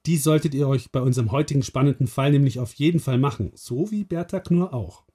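A man's voice: medium pitch, brisk, dark tone, slightly rough. A male host who talks directly to young listeners and explains the puzzle. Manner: friendly, explaining.

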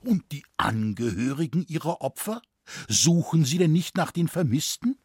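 A man's voice: medium pitch, sing-song, a little slow, husky, no room sound, studio quality, full character voice. A man voicing a naive, easily frightened city schoolmaster who speaks properly and stammers when shocked. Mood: anxious. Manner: fussy, stammering, proper speech.

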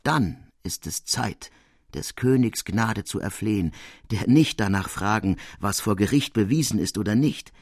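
A man's voice: fairly low pitch, expressive, measured pace, breathy edge, no room sound, studio quality, exaggerated voice. A man doing an earnest, cautious old lawyer. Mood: urgent. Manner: urgent, warning tone.

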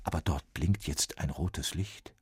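A man reading a children's story with expressive narration. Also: very deep voice, unhurried, slightly rough, no echo, studio quality.

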